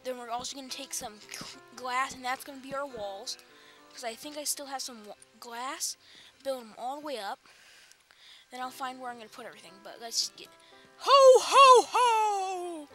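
Very high-voiced excitable woman gamer. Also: brisk, soft background music. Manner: excitable, bursts into alarmed exclamations. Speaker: gaming channel host. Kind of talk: let's play commentary.

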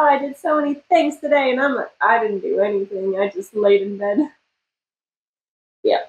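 A woman's voice: a little high, reverberant, rough recording. A woman in her twenties reacting casually to clips, giggly and trying not to laugh. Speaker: reaction video host. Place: living room, indoors.

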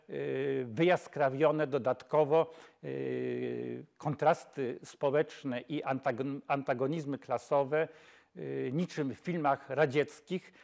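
An older man talks as a film expert in a slightly raised pitch. He speaks in measured phrases, often pausing and correcting himself mid-word. It sounds like a lapel mic in a quiet studio. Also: vocal fry. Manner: measured, with frequent hesitations and self-corrections. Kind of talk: film lecture. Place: dark studio, seated on camera.

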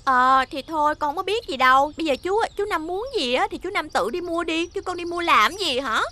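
A woman's voice: extremely high pitch, fairly quick, heavily acted. An actress playing a cheeky young woman, teasing and arguing with an old uncle in a TV sitcom. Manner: teasing, argumentative, lively. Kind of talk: TV sitcom acting.

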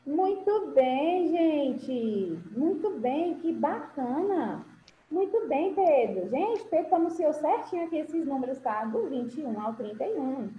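Her voice sits high and sing-song as she slowly takes young children through an English lesson on a video call. This patient, affectionate primary teacher keeps calling them "my love" and checking they're following. The sound is dull and roomy, with faint ambience and slight hiss or hum.

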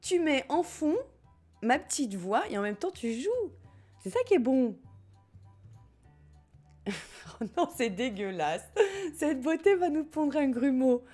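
Streaming a life-sim game, a woman with a French accent reads her chat and jokes, laughing frequently as she gives casual commentary. She speaks slowly in a warm, sing-song voice that sits high, pausing often over soft background music.

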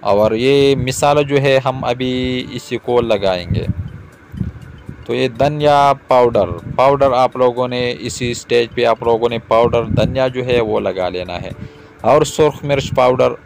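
Cooking host, man, 30s, even mid voice, patient step-by-step explainer, faint outdoor noise. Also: medium pitch, a little slow, gravelly. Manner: calm, repetitive explaining, addresses viewers directly. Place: outdoors in a garden yard.

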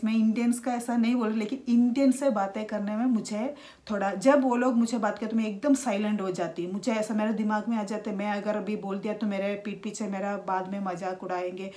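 A woman, talking casually to camera in a halting way with many restarts. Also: fairly high pitch, dark tone. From India. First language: Malayalam. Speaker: vlogger.

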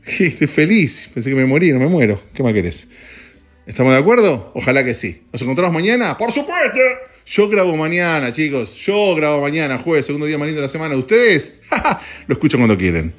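A man's voice: a little high, very animated, a little fast, soft background music. A young man with an Argentine accent, chatting casually and rambling for his podcast while standing in an office. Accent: Argentine Spanish. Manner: rambling, joking, swears casually, jumps between topics. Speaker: podcast host. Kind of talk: casual voice-note chat.

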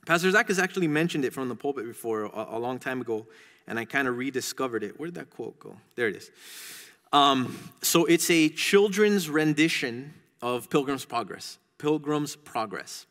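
A man's voice: medium pitch, expressive, moderate pace, fairly bright tone. A male pastor preaching a sermon, conversational and emphatic, often restarting his phrases. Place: church sanctuary. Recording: long church reverb.

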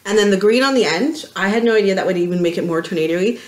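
A Canadian woman co-hosts a podcast from her home craft room, speaking into a desk camera. She talks in a lively, joking way, often laughing at herself, with a mid-pitched voice. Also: fast talker. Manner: lively, laughing, self-mocking chatter. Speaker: podcast co-host. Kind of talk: casual podcast chat.

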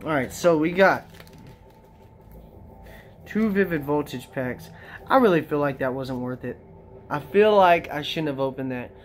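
A casual vlogger opening trading card packs, talking to viewers directly in an excitable, slangy way. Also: medium pitch, unhurried, long pauses, slight background noise. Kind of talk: casual unboxing chat.

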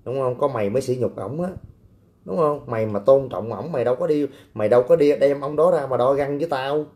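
Brash male livestream host, mellow warm tone, teasing and coarse. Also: mid-range voice, quick pace. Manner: brash, teasing, coarse banter with blunt street slang. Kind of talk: casual livestream chat reading viewer comments.

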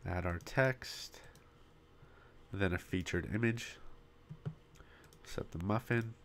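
In this screen-recorded walkthrough, a man with a deep voice, his voice giving out, casually narrates how to build a website one step at a time, pausing frequently. There's a little hiss or hum, he coughs occasionally, and his desktop mic pops. He's hosting a web design tutorial.

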